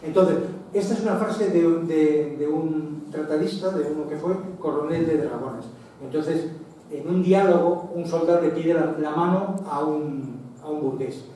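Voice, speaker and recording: A man's voice: on the high side, measured pace, dark tone. Male lecturer, chatty and digressive, heard from afar in a reverberant hall. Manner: conversational, digressive, frequent restarts and asides. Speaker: lecturer on military history. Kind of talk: public lecture with slides. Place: association meeting hall, indoors. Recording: echoey hall, distant mic, faint noise.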